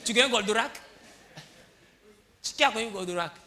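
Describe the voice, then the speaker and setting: Animated preacher with bright, lively voice. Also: male voice, high voice, moderate pace. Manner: animated preaching, swinging from quiet asides to shouts; acts out little dialogues between people. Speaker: pastor. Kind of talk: sermon.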